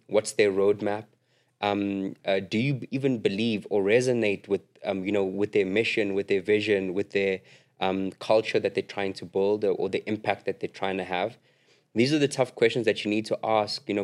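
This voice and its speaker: A man on a podcast talking casually about investing, in a loose way full of "like" and "you know". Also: fairly low pitch. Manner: loose, filler-heavy, says "like" and "you know" a lot.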